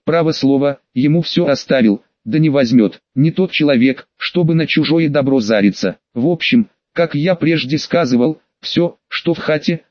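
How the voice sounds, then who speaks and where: A man's voice: fairly high pitch, normal speed, few pauses, a little mellow, no room sound, highs cut off, close to an everyday voice. A man reading the lines of a stern, dying old Cossack grandfather, with firm, curt, old-fashioned speech.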